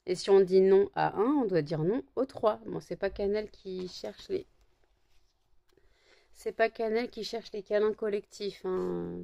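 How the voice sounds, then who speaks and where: A French woman talks casually into her camera, her voice high and shrill. She is tired and barely awake, and she rambles with many fillers and false starts, scolding her dogs now and then. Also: measured pace, creaky, warm tone. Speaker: vlogger.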